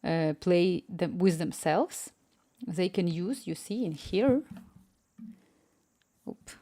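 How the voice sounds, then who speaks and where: Low, dark and animated, her voice moves at a slow pace. She codes on a live stream from her home room as an app developer, with a Ukrainian accent bearing a Spanish tinge, and she chats freely, drifts off easily, reads chat messages aloud and mumbles to herself.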